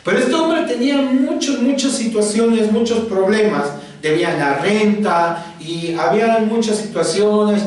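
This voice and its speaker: High-voiced preacher in echoing hall. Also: male voice, a little slow, few pauses. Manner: repetitive, dramatic storytelling with chanted repeats. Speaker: pastor. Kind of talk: storytelling sermon. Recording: very echoey hall, distant mic.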